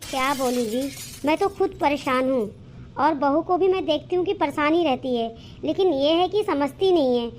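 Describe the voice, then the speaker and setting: A woman's voice: sits high, normal speed, a little mellow, a little hiss or hum, voice pushed down, close to an everyday voice. Woman doing a weary older mother-in-law. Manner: weary, lamenting.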